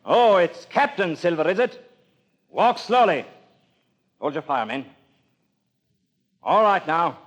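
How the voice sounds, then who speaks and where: An actor playing a stern, resolute sea captain in an audio drama, clipped, commanding and sardonic. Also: male voice, high voice, sing-song, slow, long pauses, a bit bright, lo-fi sound, heavily acted. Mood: scornful, commanding. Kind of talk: audio drama acting on a record.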